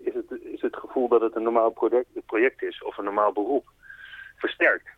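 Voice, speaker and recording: A man's voice: on the low side, steady tone, brisk, no room sound. Man explaining earnestly over a tinny phone line. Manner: earnest, explanatory, patiently clarifying. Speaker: spokesperson for a foundation, interviewee. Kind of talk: radio phone interview. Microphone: telephone.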